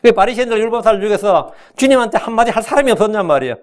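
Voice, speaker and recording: A man's voice: high voice, expressive, racing. A middle-aged man preaching a sermon as pastor, colloquial and joking, acting out quoted voices with a Korean accent.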